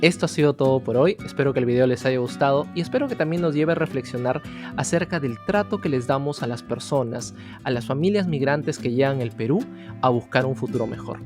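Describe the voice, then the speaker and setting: A man's voice: medium pitch, animated, brisk. A man narrating an educational history video, telling the story directly to the viewer. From Peru. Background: guitar music.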